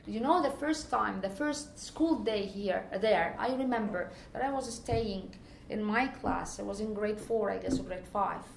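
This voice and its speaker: An Egyptian woman speaks English with an Egyptian accent, earnestly describing her experiences in a conversational interview and often restarting to find her words. Her medium-pitched voice is gravelly and unhurried, with hardly any pauses. The echoey room carries faint ambient noise.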